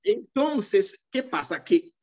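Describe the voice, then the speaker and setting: Man, Dominican accent, middle-aged, hesitant with many fillers, slightly high pitch, dull lo-fi recording. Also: very animated, takes it slowly, darkish tone. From Dominican Republic. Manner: hesitant, full of repeated "eh" fillers and restarts. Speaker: interview guest, economist. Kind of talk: casual life-story interview.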